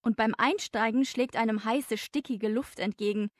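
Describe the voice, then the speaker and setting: A woman's voice: fairly high pitch, moderate pace, dry recording, studio quality. A woman reading a coworker's lines in a scripted lesson dialogue, friendly and chatty. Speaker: office worker in a dialogue.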